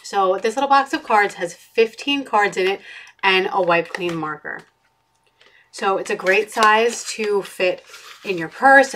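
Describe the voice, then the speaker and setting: A woman's voice: mid-range voice, fairly bright tone, slight background noise. Young woman, friendly show-and-tell host, webcam at home. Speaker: book consultant. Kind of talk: product review. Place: home playroom with bookshelves.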